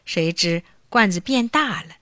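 Woman storyteller, children's folk tale, swooping animated pitch, dry close sound. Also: measured pace, dry recording. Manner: expressive, swooping storybook delivery. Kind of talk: scripted children's story narration.

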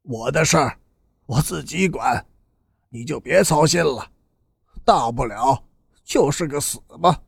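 A panicky, self-pitying seventeen-year-old boy, voiced by a male narrator, pleads in a husky, slow voice. The sound is close and dry. It's storybook reading rather than full acting. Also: on the high side, no room sound, voice pushed down, exaggerated voice. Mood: desperate.

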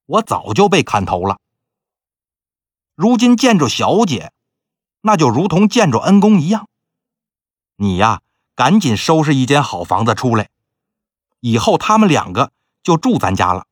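A man's voice: on the high side, husky, no echo, clean studio sound, heavily acted. Man doing an earnest raised-voice merchant. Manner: urgent, sincere. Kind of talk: storytelling with character voices.

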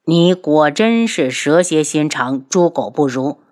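A woman's voice: deep voice, brisk, lightly acted. A woman voicing a stern, disdainful prince who speaks coldly and with contempt. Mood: contemptuous. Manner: cold, clipped, contemptuous.

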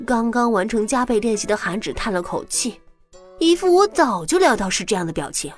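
A young woman narrating a dramatized audiobook in the first person, with a lively, indignant inner monologue. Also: a little high, brisk. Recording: long reverb with music underneath.

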